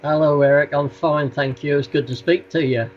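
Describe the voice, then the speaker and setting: A man's voice: a little high, steady tone, moderate pace. A man with a Norfolk accent, giving a casual interview as a podcast guest over a remote call. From Norfolk, England. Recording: dull, noisy remote call line.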